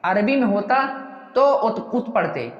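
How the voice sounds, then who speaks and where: A teacher giving a slow reading lesson who asks what a letter combination says, then answers and repeats the answer. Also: medium pitch, sing-song. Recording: dull echoey recording with long reverb.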